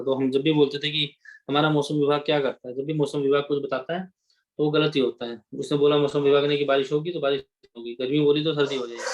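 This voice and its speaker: A man teaching exam-prep geography, explaining off the cuff in Hindi with English terms mixed in, with fillers and restarts and a habit of checking in with his students. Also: on the high side. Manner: repeats "ठीक है" to check in with students.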